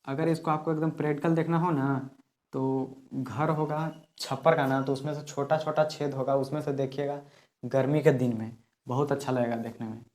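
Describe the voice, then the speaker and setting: A man's voice: mid-range voice, flat delivery, normal speed, darkish tone. Male physics teacher at a board, patient step-by-step explainer who repeats key terms, voice fades as he turns to write. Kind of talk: classroom lesson at a board.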